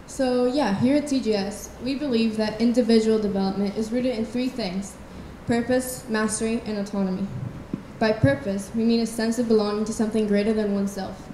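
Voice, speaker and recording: A young woman reads steadily from her phone into a handheld mic. Her voice is warm and somewhat high. The event hall adds a roomy echo and a faint hum. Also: steady tone, a little fast. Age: young adult. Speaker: student presenter. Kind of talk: reading a presentation.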